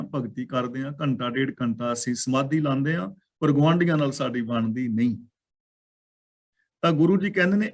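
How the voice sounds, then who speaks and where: Guy teaching scripture, fairly high voice, draws out the verse lines then breaks them down patiently. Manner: slow, drawn-out recitation of verse lines, followed by patient word-by-word explanation. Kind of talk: explaining scripture in a talk.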